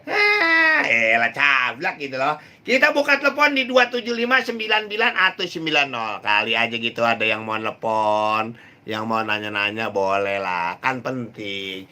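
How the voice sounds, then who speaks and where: A man's voice: medium pitch, lively intonation, normal speed, bright, forceful tone. A young man hosting a live comedy stream, teasing viewers and drawing out words in a sing-song way. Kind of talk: joking live chat answering viewer comments.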